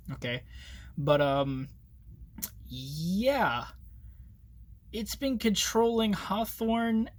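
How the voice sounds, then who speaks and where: Excitable swearing young man. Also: fairly high pitch. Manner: excitable, rambling, heavy swearing. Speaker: book reviewer. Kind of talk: casual spoken review.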